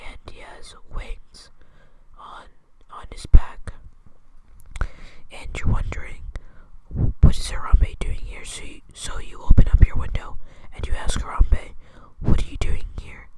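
A young man hosting his channel in a hesitant whispered role-play, rambling and jokey, with many fillers and restarts. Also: measured pace. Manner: jokey, crude. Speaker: channel host. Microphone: close mic.

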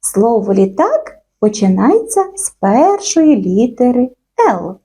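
A woman teaching young children a phonics lesson, stretching out sounds and words in a slow, sing-song way. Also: a little high, sing-song, mellow, husky.

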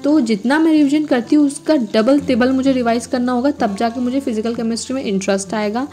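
A woman's voice: on the high side, brisk, dark tone, faint music behind. A young adult woman narrating her study day in a casual, rambling way, often correcting herself. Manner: chatty, rambling, self-correcting. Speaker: vlogger, exam student.

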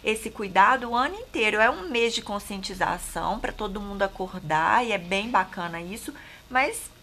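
A Brazilian woman doctor talks as a guest on a casual talk show. She often pauses and restarts with fillers. Her voice is bright and forceful, with a faint hum of room noise behind her. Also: mid-range voice, lively intonation. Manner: hesitant, with many repeated fillers and restarts.

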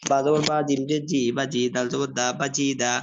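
A man with a Bangladeshi Bengali accent, teaching a reading lesson and spelling out syllables one by one in a slow, drilling way. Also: medium pitch, flat delivery, background noise. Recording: dull lo-fi sound.

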